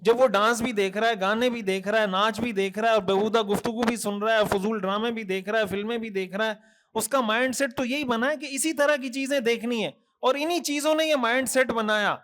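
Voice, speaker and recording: A man delivering a sermon in a very high voice. He admonishes earnestly, asks rhetorical questions and stacks repeated phrases. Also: fairly bright tone. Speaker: mufti preacher. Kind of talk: Thursday night sermon.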